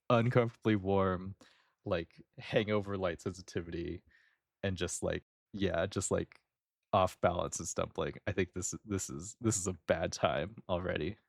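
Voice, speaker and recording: A man's voice: deep voice, moderate pace, vocal fry, no room sound, clean studio sound. A man co-hosting a podcast in casual chat, thinking aloud in a hesitant way with many fillers. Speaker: podcast co-host.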